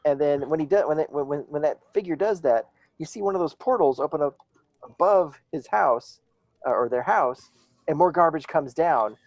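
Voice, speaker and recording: A man's voice: fairly high pitch, normal speed. A man narrating as game master, rambling with many fillers and restarts.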